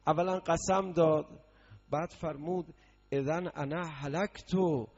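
A man preaching a mourning sermon that moves from quiet explanation into loud, sung lament. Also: a little high, steady tone. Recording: dull lo-fi recording.

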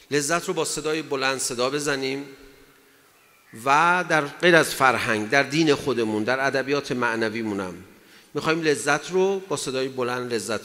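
Gravelly-voiced man preaching in a hall. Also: medium pitch, pushed and bright. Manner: emphatic, asks the audience rhetorical questions. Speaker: religious lecturer. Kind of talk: sermon. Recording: long hall reverb.

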